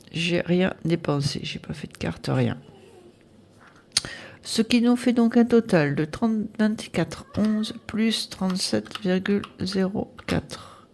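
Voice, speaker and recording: A woman in her fifties talking casually to camera through her weekly budget, a bit nasal, chatty and hesitant, filling pauses while she adds up sums aloud. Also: on the low side, creaky, darkish tone. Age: 50s. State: nasal from air conditioning. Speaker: budget vlogger.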